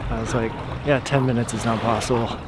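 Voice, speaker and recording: A man's voice: mid-range voice, steady tone, a little fast, heavy background noise. A man chatting casually and informally outdoors as a participant in a swim challenge. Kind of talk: casual chat.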